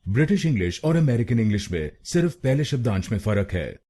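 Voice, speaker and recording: Male Indian pronunciation tutor, lively pitch, drills words syllable by syllable. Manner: slow, deliberate, repeating words syllable by syllable. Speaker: pronunciation teacher. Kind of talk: Hindi pronunciation lesson.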